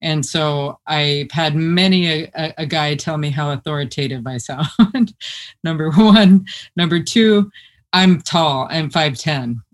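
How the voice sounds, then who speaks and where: This deep-voiced Midwestern woman speaks slowly as she recounts her story in an interview. Even so, she stays chatty and lively, laughing along the way.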